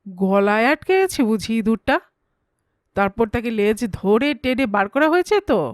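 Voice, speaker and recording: A woman's voice: on the high side, expressive, moderate pace, dry recording, lightly acted. Lady doing a grumpy sleepy guy, grumbles and fusses, dry close sound. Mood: alarmed. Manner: grumbling, fussy about his name. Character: sleepy grumpy middle-aged male writer.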